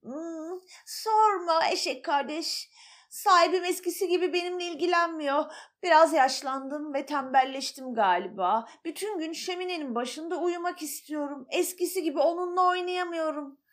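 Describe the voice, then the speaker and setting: A woman voicing an unhappy, lazy old cat in a children's storybook, with a high, meowing manner. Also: moderate pace, a bit bright. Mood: sad.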